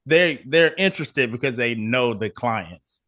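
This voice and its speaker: A man's voice: medium pitch, a little slow, no echo, studio quality. A man, an agency owner, talking casually in an interview, acting out what clients say and trailing into long run-on sentences. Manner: animated, acts out client quotes, trails off in long run-ons.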